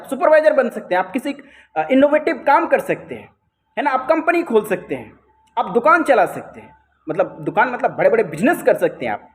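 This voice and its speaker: A man with an Indian accent giving a lecture as a teacher, often adding tag questions and mixing in English phrases. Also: extremely high pitch.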